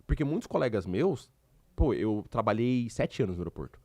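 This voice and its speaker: Lively Brazilian man telling work stories. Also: lowish voice, fairly quick, dry recording. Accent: Brazilian Portuguese. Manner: animated, emphatic storyteller. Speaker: podcast guest. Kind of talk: casual interview storytelling.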